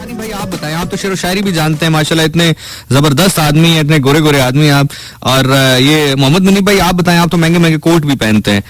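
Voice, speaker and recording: A man's voice: fairly high pitch, fast talker, soft background music. A man hosting a live stream, chatting casually as he reads out viewer comments, playful and teasing, often stammering and restarting. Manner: playful, teasing, mock-indignant.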